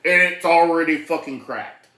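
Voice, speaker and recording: A man telling work stories in casual chat, loud and animated, swearing heavily. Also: fairly high pitch, moderate pace, distant mic. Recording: echoey room with faint noise.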